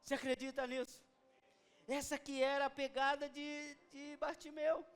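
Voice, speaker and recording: A man preaching a sermon, moving between quiet, close talk and fervent shouting. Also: very high voice. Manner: swings from soft intimate talk to fervent shouting.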